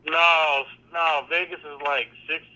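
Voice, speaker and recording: A man's voice coming through a phone on speaker, dull and lo-fi. His tone is bright and sharp-edged, a touch high for a man, and he talks in a loose, easygoing way, throwing in dude and bro. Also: little pitch movement, slow pace. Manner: laid-back, slangy, calls people dude and bro. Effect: played over a phone on speaker. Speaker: caller on a livestream. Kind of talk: casual chat.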